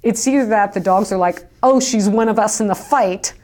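Her pitch is medium, her pace normal, and her tone a bit dark. She's a kennel owner appearing as a guest in a casual, home-taped interview, often restarting sentences and using fillers.

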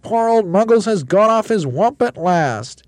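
A man's voice: high-pitched, lively intonation, unhurried, dry recording, voice pushed up. A man voicing a touchy, indignant bird with polite, pleading phrasing in a storybook. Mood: mocking.

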